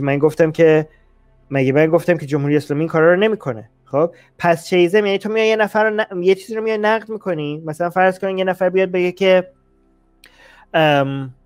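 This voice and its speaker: A talk show host casually explains logical fallacies, hesitating, frequently restarting and checking in with "okay?". His high voice is smooth with fairly even intonation, in a dry recording with faint music behind.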